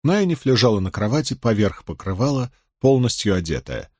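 Husky guy reading an audiobook, lively pitch, dry close sound. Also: a little fast, no echo. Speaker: audiobook reader. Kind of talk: audiobook narration.

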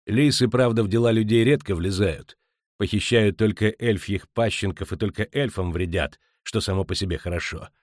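A man voicing a gruff, scornful ship captain who bullies and shouts down others, in an audiobook. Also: on the low side, normal speed, no room sound, clean studio sound, close to an everyday voice.

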